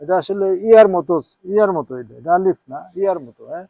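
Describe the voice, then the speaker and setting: High-voiced man teaching a class. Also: fast, warm tone, no echo. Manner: checks with students, asks "হ্যাঁ?" often; switches between Bengali and English, spells Arabic out. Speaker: Quran teacher. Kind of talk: informal class lesson.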